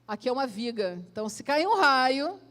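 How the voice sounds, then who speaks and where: Brazilian woman pastor preaching in church, high voice, pushes loud then goes soft. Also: very animated, a little fast. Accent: Brazilian Portuguese. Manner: direct, questioning, swells loud then drops soft. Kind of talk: sermon.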